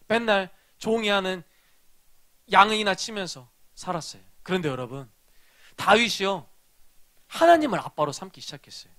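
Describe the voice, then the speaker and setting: A man preaching a children's sermon as a pastor, telling a story and asking the children questions, moving between loud emphasis and hushed asides. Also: high voice, expressive, normal speed, pauses often.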